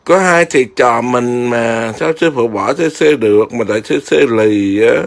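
A Buddhist monk chats casually in his garden for a home vlog, repeatedly asking viewers whether they can see. His voice is medium-pitched and creaky, and he speaks at a measured pace.

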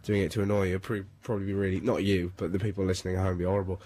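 A man hosting a radio show, a bit ill, teasing his co-host in quick jokey banter. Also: deep voice, little pitch movement, mellow, a little hiss or hum.

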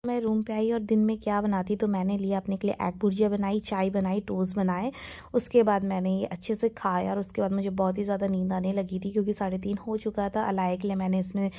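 Young Indian homemaker mom, vlog voice-over, warm and even-toned, chatty with viewers. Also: female voice, medium pitch, quick pace. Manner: chatty, homely, talks straight to viewers. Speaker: vlogger, homemaker mother. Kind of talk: casual voice-over vlog narration.

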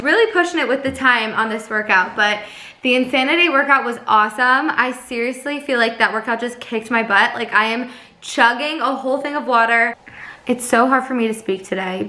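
In this casual vlog, a woman in her twenties who is training as a teacher talks to her camera at home, upbeat and chatty with plenty of "like." Her voice is slightly high with a sharp edge.

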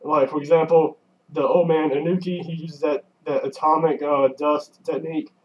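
Easygoing man, casual comic recap, a bit high, muffled lo-fi sound. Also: flat delivery, normal speed, a little hiss or hum. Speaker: manga reviewer co-host. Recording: dull lo-fi audio.

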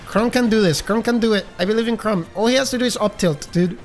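A man streaming a game, commentating casually with an accent, excitable, gasping and shouting, swearing freely. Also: sits high, fast talker, soft background music. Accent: some accent. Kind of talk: live gaming stream commentary.

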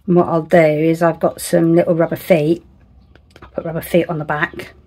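A woman's voice: deep voice, flat delivery, normal speed, dark tone. A woman crafting at home, thinking aloud in chatty, self-deprecating asides that sometimes drop to a whisper. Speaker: resin crafter. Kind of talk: casual crafting commentary.

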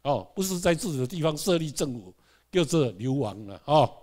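A man with a Taiwanese accent lectures a class in a slightly high, sing-song voice with a darkish tone at a moderate pace. He mixes English words into his speech, asks rhetorical questions, and gets the audience to repeat words after him.

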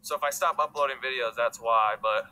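A man's voice: mid-range voice, a little fast, bright, forceful tone, rough recording. A man doing casual vlog talk to the camera, rambling and joking, calling people "bro". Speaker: vlogger.

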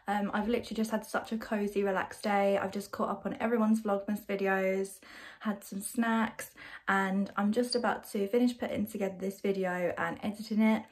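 A young woman talking casually to her vlog camera, chatty and easygoing, with frequent ums as she explains how she cooks. Her voice sits at an everyday middle pitch. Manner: chatty, filler-heavy recipe talk; soft, quiet morning talk. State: tired morning voice. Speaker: vlogger.

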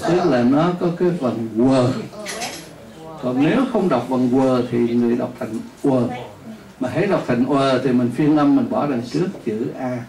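Man, Northern Vietnamese accent, pronunciation teacher drilling a class; mellow tone, distant mic in an echoey room. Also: medium pitch. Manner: drills students, repeats words slowly for them to echo. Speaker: English teacher.

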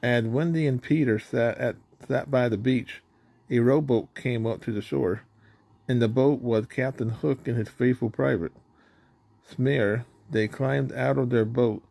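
A man's voice: mid-range voice, fairly even intonation, a little slow, gravelly, darkish tone, dry recording. Man reading a children's storybook aloud. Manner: plain reading with slips and self-corrections. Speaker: storybook reader.

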